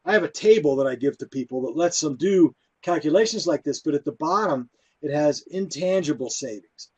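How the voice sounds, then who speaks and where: Male presenter, slightly higher voice, loose and chatty, lots of ums. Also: a little fast, slightly rough. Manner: relaxed, conversational, many fillers. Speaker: conference presenter. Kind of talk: conference talk.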